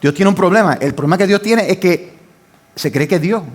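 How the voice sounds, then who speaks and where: An older man preaches from the pulpit with fervour. His voice sits a little high, rising into loud pleading and dropping into quiet asides to his congregation. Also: a little fast. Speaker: pastor. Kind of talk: sermon.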